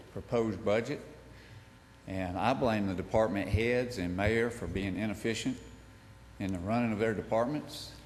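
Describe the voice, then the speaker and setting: A man giving public comment at a county meeting, halting with frequent fillers. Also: fairly low pitch. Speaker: member of the public speaking at a meeting. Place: large county commission room. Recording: reverberant hall, faint noise.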